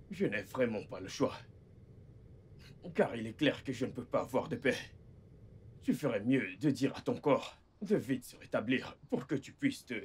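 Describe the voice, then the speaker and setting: An exasperated, scolding man voiced by a dub actor who keeps snapping at the woman he is caring for. His pitch swings widely as he grumbles. The voice is husky and rough-edged. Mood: resentful. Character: impatient irritable man caring for sick partner. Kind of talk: French film dubbing.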